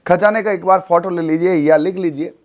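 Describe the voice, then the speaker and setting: A man gives a classroom lecture for exam students. His voice sits a little high. He talks in a relaxed, chatty way, firing short questions and answering them himself. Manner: chatty, repeats and quizzes with quick questions. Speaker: exam coaching teacher.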